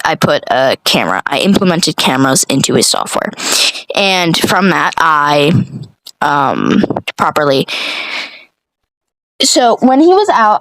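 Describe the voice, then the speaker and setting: A woman's voice: fairly low pitch, no echo, low-quality recording. Rambling, profane woman telling a story. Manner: rambling, self-correcting, profane, deadpan asides. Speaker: comedy storyteller.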